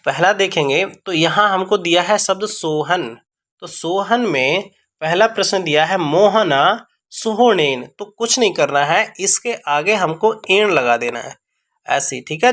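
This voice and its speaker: A man teaching a grammar lesson, explaining step by step and slowly repeating words for pronunciation drills. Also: sits high, fairly bright tone.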